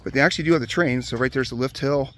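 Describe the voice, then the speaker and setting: A man from the Hershey area of Pennsylvania walking through a closed amusement park outdoors, giving relaxed, casual commentary with many "uh"s into a handheld camera. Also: mid-range voice, rapid-fire. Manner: relaxed, chatty, many "uh" fillers. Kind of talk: casual walk-around commentary.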